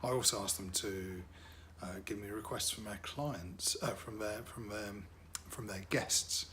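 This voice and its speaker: A middle-aged man with a fairly low, sharp-toned voice speaks unhurriedly over slight background noise. He works as a wedding DJ and MC, his first language is French, and he chats casually about the job with plenty of fillers and repeated words.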